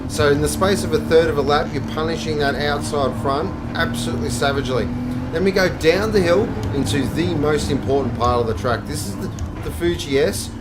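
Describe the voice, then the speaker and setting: A man presenting a track guide for sim racing, explaining each part in a measured but enthusiastic way. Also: on the high side, heavy background noise.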